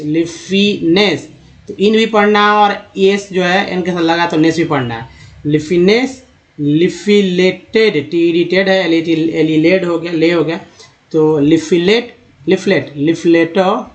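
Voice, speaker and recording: Male teacher, slightly high voice, drawn-out repetitive phonics lesson. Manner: slow, repeats words syllable by syllable; addresses viewers as friends. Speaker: English teacher.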